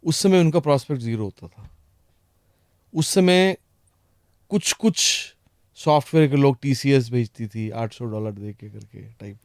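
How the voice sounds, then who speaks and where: A man's voice: mid-range voice, unhurried, pauses often, a little mellow, dry recording, clean studio sound. A middle-aged man from India with an Indian accent, a guest in casual chat, mixing English phrases and often adding "right?" and "you know".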